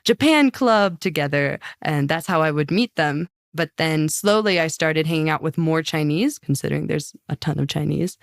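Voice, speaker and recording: Her deep, creaky voice is animated, moving at normal speed with hardly any pauses. She is a young American podcast guest, a singer and language learner, having an upbeat, casual chat full of "like" fillers, captured in a studio with no echo.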